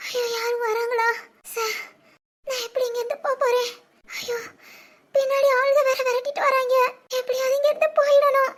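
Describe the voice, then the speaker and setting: A woman's voice: very high voice, level tone, a little fast. A woman voicing a desperate young village woman in a cartoon drama, pleading and panicky as she runs from her pursuers. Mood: anxious.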